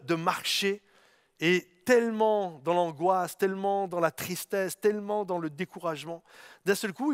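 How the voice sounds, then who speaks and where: A man's voice: sits high, no room sound, studio quality. A man preaching a sermon, telling stories with fervor and speaking directly to his listeners. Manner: storytelling, fervent, addresses listeners directly. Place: streamed service, speaking to viewers.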